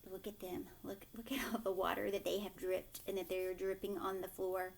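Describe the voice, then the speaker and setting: Though her mid-range voice moves little in pitch and has a creaky quality, this teacher reads a picture book to young children expressively. She draws words out and lowers her voice for asides with questions to the listeners, all at a moderate pace.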